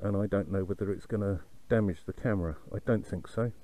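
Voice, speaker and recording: A man's voice: sits low, quick pace. A man giving casual commentary while riding, speaking into a microphone inside his motorbike helmet, as over a helmet intercom. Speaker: motorcycle vlogger. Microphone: foam-covered microphone in helmet cheek pad. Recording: loud wind, engine and road noise.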